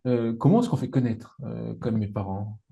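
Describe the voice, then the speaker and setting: Man from savoie interviewing, chatty, kinda halting, warm mellow tone. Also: medium pitch, gravelly, dull audio. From Savoie, France. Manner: conversational, hesitant questioning. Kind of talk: casual interview.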